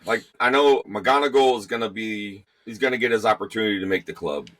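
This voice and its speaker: A man's voice: lowish voice, brisk, a bit bright. A man co-hosting a sports show in casual conversation. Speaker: sports talk co-host.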